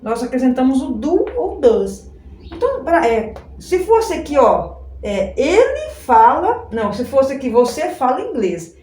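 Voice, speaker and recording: A Brazilian woman teaches English in a relaxed, patient way, repeating points and checking in with her students. Her voice is warm and on the high side. The recording is roomy and echoey, with faint background noise. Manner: explains slowly and repeats, often tags "né?" and "ó". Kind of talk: informal video lesson.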